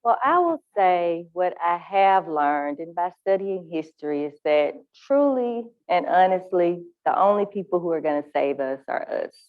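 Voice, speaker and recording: A woman's voice: lowish voice, animated, normal speed, hardly any pauses, narrow, tinny audio. A woman entrepreneur giving considered remarks as a panelist, in a thin band-limited recording.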